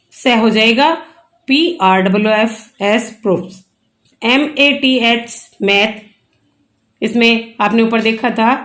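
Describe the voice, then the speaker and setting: A woman teacher explains English plurals patiently, spelling out each word letter by letter. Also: on the high side. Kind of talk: online English grammar lesson.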